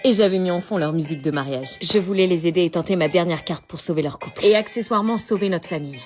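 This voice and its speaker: A woman's voice: on the low side, quick pace, soft background music. A young woman narrating her story in voice-over, with a wry, sarcastic inner-monologue manner.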